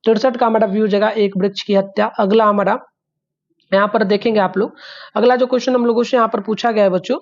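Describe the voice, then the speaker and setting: A man teacher going through exam answers, sounding out letters slowly and often calling to the children. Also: sits high, fairly even intonation, highs cut off. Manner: drawn-out repeated sounds, frequent fillers, addresses the children.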